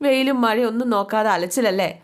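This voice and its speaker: A woman's voice: a little high, quick pace, lightly acted. A woman voicing a tearful older mother begging her son to come home. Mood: pleading. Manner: pleading, emotional.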